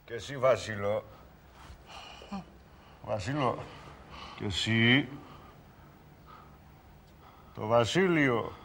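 A man's voice: medium pitch, long pauses, fairly bright tone, a little hiss or hum, natural voice. An actor playing a scheming young man who bullies a servant into poisoning someone, talking in a domineering, mocking and threatening way. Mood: menacing. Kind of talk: film drama acting.

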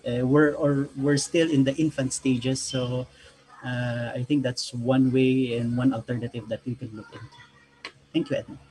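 A man in his forties answering on an online panel from a room at home, measured and explanatory. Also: mid-range voice, level tone, darkish tone, poor audio. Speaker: panel speaker, school educator. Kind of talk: panel answer on video call. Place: home room with window, video call.

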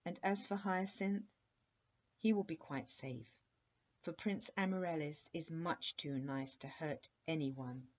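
A woman voicing an eager, cheerful little princess girl in a bedtime storybook, raised high and loud, on a dull lo-fi recording. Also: measured pace. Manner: bright, gushing, high and loud.

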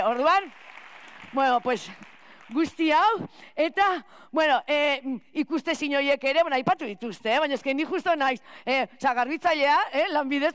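A woman playing a scatterbrained, chatty school cleaner in a clown stage monologue, rambling with restarts and loud outbursts. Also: high-pitched, no echo. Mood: gushing. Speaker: clown performer.

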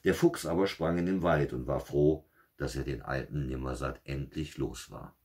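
A man calmly reading a fairy tale as a bedtime story in a small home studio, relaxed and self-mocking. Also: extremely low pitch, normal speed, slightly rough.

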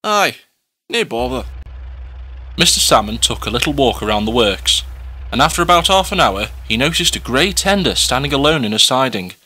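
A man's voice: mid-range voice, expressive, fairly quick, sharp tone, husky. A man reading scripted story narration as the narrator.

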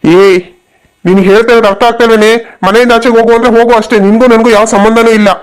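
A man's voice: extremely high pitch, fairly even intonation, racing, smooth. A man voicing a cruel hot-tempered cartoon husband. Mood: angry. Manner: harsh, shouting threats.

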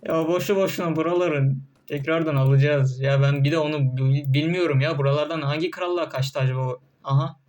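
A man's voice: fairly high pitch, steady tone, a little fast, few pauses, a little mellow. A young man doing casual gameplay commentary, often frustrated, cursing and barking orders at his troops. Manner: frustrated, swearing, talking to game troops.

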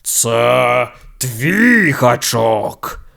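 A man voicing a huge, angry male sea monster in a children's audio story, with a slow, menacing drawl. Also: mid-range voice, sing-song, creaky, pushed and bright, heavily acted.

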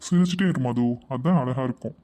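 A woman doing a deep-voiced teasing young husband. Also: a little fast, dark tone. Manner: playful, coaxing.

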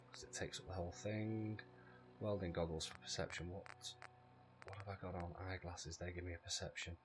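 A man giving casual gameplay commentary, informal and sweary, thinking aloud as he goes. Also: low voice. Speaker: gaming video host. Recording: clearly noisy background with clicks.

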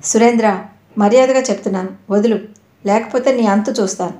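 A woman's voice: medium pitch, brisk, close to an everyday voice. Woman voicing a terrified, defiant young wife. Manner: shouting in fear and anger. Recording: echoey room.

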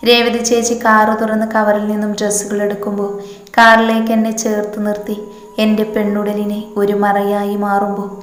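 A woman reading a romantic storybook narration aloud in a steady, even manner. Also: medium pitch. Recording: echoey room with long reverb.

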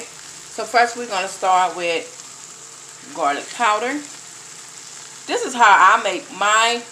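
A middle-aged woman talks through her cooking in an unhurried, easygoing way and speaks straight to her viewers. She films herself at her home stove on a phone. Faint sizzling and kitchen noise sit under her voice. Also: mid-range voice, bright, forceful tone. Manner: chatty, addresses viewers as "you guys". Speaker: home cook vlogger. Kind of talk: casual cooking vlog narration.

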